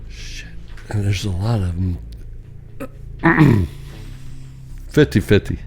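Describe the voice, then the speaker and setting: A man's voice: on the low side, expressive, slow pace, creaky, darkish tone, faint music behind. A middle-aged man answering quiz questions on a podcast, with wry, mumbled jokes and asides. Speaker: quiz contestant, the host's father. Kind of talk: casual podcast banter.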